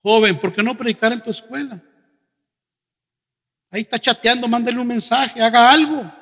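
High-pitched preaching pastor in a hall. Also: male voice. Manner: animated preaching, mimics congregants in quick asides. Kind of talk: sermon. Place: church sanctuary. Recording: church hall with long reverb.

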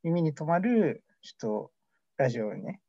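A young man's fairly high voice swings widely in pitch as he co-hosts a laid-back mock radio show, rambling and poking fun at himself. He keeps a normal pace and a warm tone. The lo-fi recording sounds dull and dry, with no room sound.

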